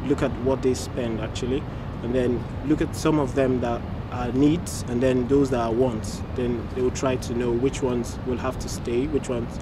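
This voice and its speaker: A man from Nigeria, a master's student, giving measured advice in an interview and correcting himself as he goes. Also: mid-range voice, flat delivery, distant mic, background noise. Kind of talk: interview testimonial.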